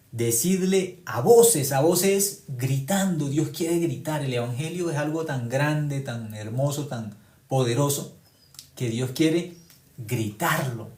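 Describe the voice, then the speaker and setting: Emphatic male preacher in an echoey room. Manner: emphatic, swings between loud exclamations and quiet low lines; repeats phrases for emphasis. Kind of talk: sermon.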